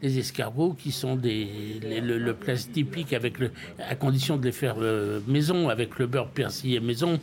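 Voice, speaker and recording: Older French man, restaurateur, halting and repetitive, mid-pitched. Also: crowd noise. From France. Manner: hesitant, frequent repeated words and restarts. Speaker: restaurant owner. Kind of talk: interview, casual storytelling.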